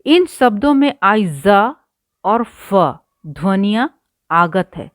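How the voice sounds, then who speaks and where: Slow, patient woman teaching Hindi. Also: mid-range voice, no room sound, studio quality. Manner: patient, repeats words slowly for pupils. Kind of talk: line-by-line textbook lesson.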